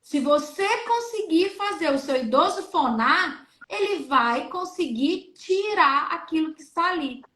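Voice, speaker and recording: A woman's voice: extremely high pitch, animated, measured pace, few pauses, a bit bright, roomy sound. A speech therapist woman with a Brazilian Portuguese accent, explaining on a live stream and acting out coughs and vowels as she demonstrates.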